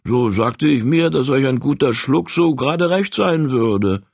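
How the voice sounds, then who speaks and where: A man's voice: medium pitch, lively intonation, measured pace, darkish tone, no echo, clean studio sound, voice pushed up, exaggerated voice. A man doing a coaxing, scheming traveller. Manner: coaxing, smooth-talking. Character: scheming grown male traveller, persuasive.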